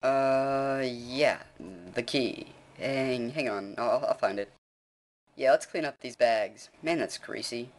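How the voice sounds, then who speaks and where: A man's voice: medium pitch, steady tone, takes it slowly, natural voice. A man voicing a nerdy young male gamer who barks orders from his hideout. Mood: frantic.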